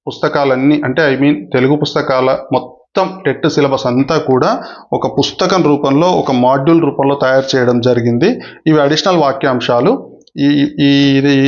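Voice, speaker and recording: A man's voice: medium pitch, dull audio. A man teaching a grammar lesson for exam candidates, who explains patiently, repeats the key points and addresses his viewers politely.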